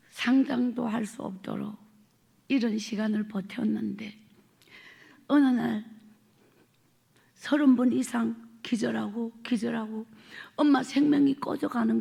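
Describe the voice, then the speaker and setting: A woman's voice: on the high side, creaky, a little mellow, breathy edge. A woman evangelist with a Gyeongsang accent giving a revival sermon testimony, telling her story dramatically and sometimes dropping to a whisper. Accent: Gyeongsang Korean. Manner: dramatic storytelling, acts out quotes, drops to whispers. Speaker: evangelist preacher.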